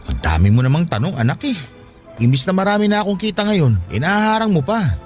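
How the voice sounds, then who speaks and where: In a Tagalog radio drama, a man plays a poor father who is defensive and exasperated, brusque, argumentative and self-justifying. His voice is high and very animated, and he speaks quickly. Faint music plays in the background.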